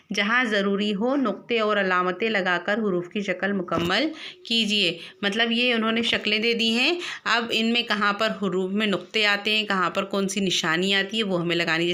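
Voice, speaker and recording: In a slow classroom lesson, a woman teacher patiently spells out letters one at a time for young children and quizzes them along the way. Her voice is medium-pitched, bright and forceful.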